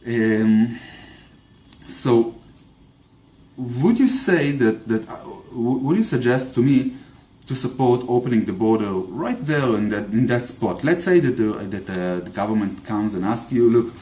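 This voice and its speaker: An echoey room carries the dark-toned, medium-pitched voice of a man with an Israeli accent, animated yet a little slow. As a video commentator delivering an unscripted political monologue, he often stumbles over repeated words and fillers.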